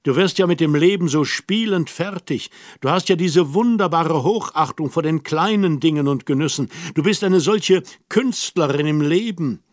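A man's voice: medium pitch, fairly even intonation, normal speed, hardly any pauses, a bit bright, no echo, studio quality, close to an everyday voice. A man reading the part of a lonely, melancholy aging intellectual in an audiobook, earnest and bewildered.

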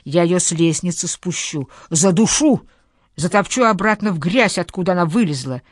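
A woman voicing a domineering, furious general's wife with a low booming voice, in a dry recording. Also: lively intonation, moderate pace, no echo. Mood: raging. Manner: low booming voice, raging and scornful.

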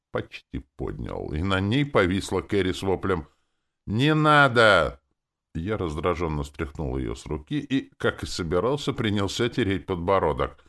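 A man's voice: a bass voice, vocal fry. A man narrating a fantasy audiobook in first person with a wry, crude inner voice.

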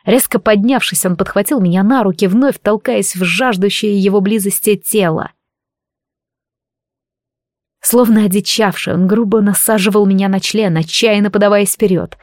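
A woman reading an erotic fantasy novel aloud as scripted narration, slow, even and intimate. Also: medium pitch, dry recording, clean studio sound. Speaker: audiobook reader.

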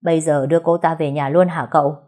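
A man's voice: fairly high pitch, little pitch movement, quick pace, darkish tone, close to an everyday voice. A woman voicing a meek male servant asking his master for orders. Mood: deferential. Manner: deferential.

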